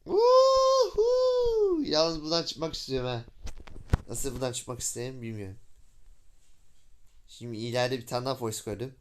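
A young man with a Turkish accent giving casual, excitable commentary while playing a video game, whooping loudly at stunts. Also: medium pitch, a little fast, pauses often, clear, resonant tone. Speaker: gameplay YouTuber.

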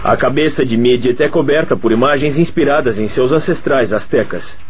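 A man reading scripted documentary narration in an even, explanatory way. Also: medium pitch, moderate pace. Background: music.

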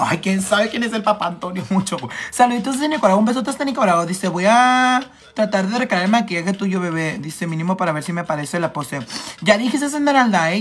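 A flamboyant man with a Mexican accent hosts a casual makeup livestream and reads out his viewers' comments in a camp, chatty tone. He is fighting off a cold and keeps clearing his throat between playful, cheeky remarks. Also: high-pitched, fairly bright tone, slight background noise. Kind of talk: casual live chat, reading comments aloud.

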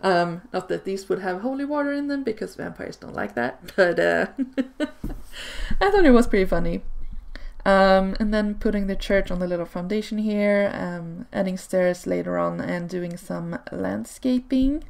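A video creator whose first language is Swedish gives relaxed, chatty commentary over gameplay footage at a moderate pace, recorded on a home desk microphone. Her mid-range voice carries strong vocal fry, and she peppers her sentences with ums and small laughs.

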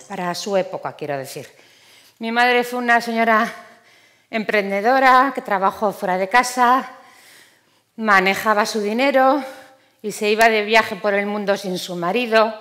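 A woman's voice: medium pitch, fairly bright tone. A middle-aged woman from Spain delivering a theatrical first-person monologue on a stage, ironic in tone and repeating words for effect. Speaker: speaker giving a monologue.

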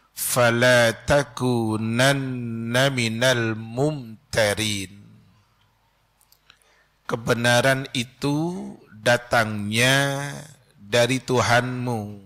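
Slow, bright-voiced man preaching a sermon. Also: mid-range voice. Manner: slow, measured delivery with rapid Arabic recitation. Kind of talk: Friday sermon. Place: mosque pulpit, indoors. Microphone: stand mic close to mouth.

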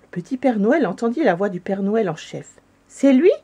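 A woman reading a children's story aloud, with calm, gentle narration. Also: medium pitch, fairly quick, slightly rough.

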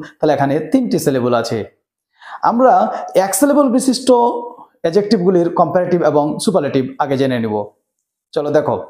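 A man teaches grammar in a fairly high voice, speaking straight to his students. He walks through each rule step by step. The room around him is echoey. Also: mellow. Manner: explains step by step, addressing students directly. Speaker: English teacher. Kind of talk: classroom grammar lesson. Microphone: camera mic, presenter on screen.

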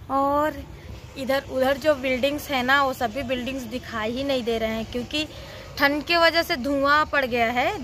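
Young woman vlogger, high bright voice, casual phone-camera chat, faint room noise. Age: 20s. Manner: chatty, shows things to viewers. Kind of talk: casual home vlog chat. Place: home kitchen and rooftop.

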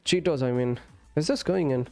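Speaking at normal speed in a darkish, mid-range voice, a man casually chats with viewers during a game stream, calling them friend and brother. He mixes English and Urdu, and music plays in his indoor streaming space.

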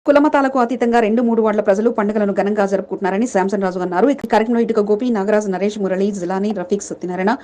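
A woman reading scripted local news as a voice-over, rattling through long lists of names. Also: medium pitch. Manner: rapid, even newsreading through long name lists. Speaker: news reader.

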